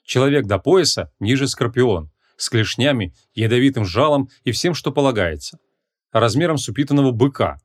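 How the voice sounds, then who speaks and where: A man reading a humorous fantasy audiobook as narrator, in an even, measured voice. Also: mid-range voice. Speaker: audiobook reader. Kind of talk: scripted narration.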